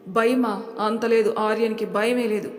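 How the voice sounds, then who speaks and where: A woman's voice: fairly high pitch, fairly even intonation, unhurried, long reverb tail, close to an everyday voice. A woman voicing a boastful, competitive young father who teases his wife.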